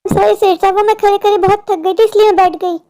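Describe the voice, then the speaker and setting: A poor young woman from a cartoon, the worried older sister of the family. She talks in a very high, thin voice, pleading and worn down. Her sorrow runs through every line. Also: fairly even intonation, quick pace, mellow. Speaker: cartoon character. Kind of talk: Hindi cartoon voice acting.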